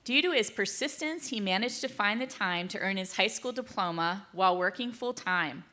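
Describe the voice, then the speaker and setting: A woman teacher giving a measured, prepared introduction of a graduate. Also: mid-range voice, animated, sharp tone.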